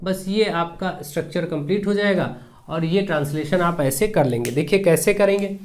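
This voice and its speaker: A man with a Hindi accent teaching an English grammar lesson for an exam, explaining step by step and slowly repeating example sentences. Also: high voice. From India.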